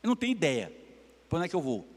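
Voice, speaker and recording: A man's voice: fairly high pitch, rapid-fire. A man, a pastor preaching a sermon and telling a story, acting out the dialogue. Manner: animated, acts out dialogue in his stories. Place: church sanctuary. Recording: long church-hall reverb.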